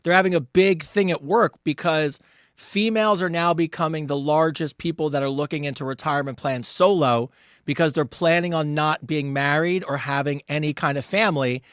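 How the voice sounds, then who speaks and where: A man's voice: fairly high pitch, moderate pace, a bit bright, no room sound, clean studio sound. A man in his forties co-hosting a casual podcast chat, chatty and agreeable, laughing along with his co-host. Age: 40s.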